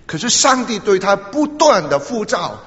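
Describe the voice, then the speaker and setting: An older man preaches a storytelling sermon, his pitch animated and roaming widely. He halts and repeats words as he goes, and breaks in with small interjections. The sound is dull and lo-fi, with a long hall reverb behind it. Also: normal speed. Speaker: pastor.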